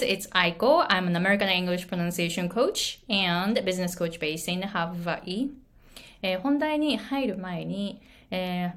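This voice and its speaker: Animated Japanese woman coaching pronunciation. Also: medium pitch. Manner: animated storytelling with many fillers. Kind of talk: casual video lesson.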